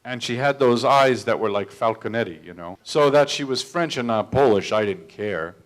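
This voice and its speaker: A man's voice: mid-range voice, lively intonation, normal speed. A male director chatting through stories in front of an audience, voice in an ordinary middle range. He often trips over his words and restarts them. His humor turns against himself. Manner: anecdotal, self-deprecating, restarts with stammered repeats. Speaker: film director. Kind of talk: storytelling talk at a public Q&A.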